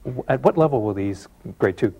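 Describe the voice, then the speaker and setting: A man's voice: medium pitch, expressive, fairly quick, warm tone, dull audio, slight background noise. A man narrating an education documentary and putting pointed questions to interviewees.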